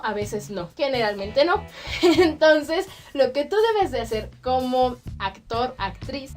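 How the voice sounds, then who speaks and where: A woman with a Mexican accent giving an acting lesson on the voice. She speaks expressively and counts off her points with clear diction. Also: high voice. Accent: Mexican Spanish. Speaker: acting voice instructor. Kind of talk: explanatory lesson to camera.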